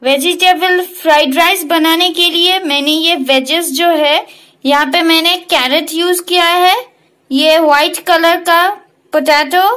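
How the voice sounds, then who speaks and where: A woman's voice: very high voice, pushed and bright, poor audio. A woman hosting a cooking video from her home kitchen, chatting to viewers as friends while she explains each step. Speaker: cooking channel host. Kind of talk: casual cooking tutorial.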